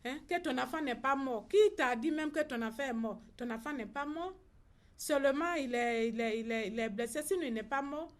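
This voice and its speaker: Middle-aged Ivorian woman, bereaved mother at a press conference, slightly raised pitch, acts out the voices in her account. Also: moderate pace. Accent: Ivorian French. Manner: recounts events by acting out reported dialogue.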